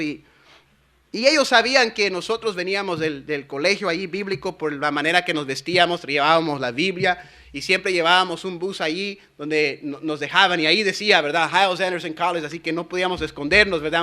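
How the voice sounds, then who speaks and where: A male pastor, preaching to a youth conference. He tells a lively story and builds to fervent shouting. His voice sits high and rings with a sharp, very bright edge. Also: brisk. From Los Angeles, USA.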